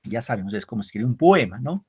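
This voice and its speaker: A middle-aged male literature teacher giving an online class, explaining slowly with repetitions and frequent "¿no?" checks to his pupils. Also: mid-range voice, big pitch swings, husky. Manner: explains with repetition and asks "¿no?" often; addresses pupils as "queridos muchachos".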